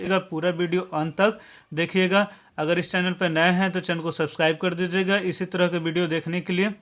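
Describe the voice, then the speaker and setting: His voice is high with a fairly bright tone as this Bihari man from India patiently teaches English in a step-by-step classroom style. Nearly every point ends with him checking in: "okay?"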